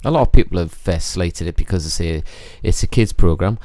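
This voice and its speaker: Deep-voiced English radio co-host. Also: male voice, expressive, mellow, no echo. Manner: good-humoured, rambling, halting restarts. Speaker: radio co-presenter. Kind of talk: casual radio banter.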